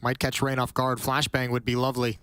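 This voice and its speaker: A man's voice: medium pitch, monotone, brisk, background noise. A man giving live esports match commentary as a caster.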